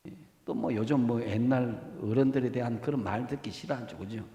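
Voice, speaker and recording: A man's voice: mid-range voice, a little fast, mellow, lo-fi sound, slight background noise. A male pastor preaching a sermon, talking in a conversational way and putting questions to the congregation. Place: church sanctuary. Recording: echoey church hall reverb.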